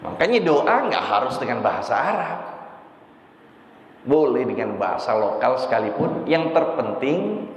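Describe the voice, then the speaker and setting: A man gives a slow, unhurried mosque lesson. He recites Arabic lines and then explains them in casual, animated talk. His voice rings with a long reverb through a roomy mosque hall. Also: medium pitch, a little hiss or hum. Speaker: religious teacher. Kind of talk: mosque sermon teaching from a book.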